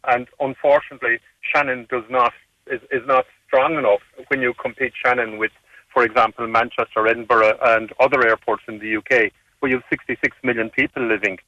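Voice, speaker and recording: Bright-voiced of man on phone. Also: mid-range voice, little pitch movement, brisk, dry recording. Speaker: radio interview guest. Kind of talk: current affairs commentary. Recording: muffled, distant phone line to radio.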